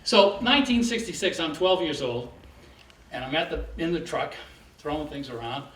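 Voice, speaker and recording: A man of about sixty tells a childhood story in a plain, measured voice, pitched a little high for a man. He sounds distant in a roomy space, with faint noise behind. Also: lively intonation, fairly bright tone. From Boston area. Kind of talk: live storytelling. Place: theater stage before an audience.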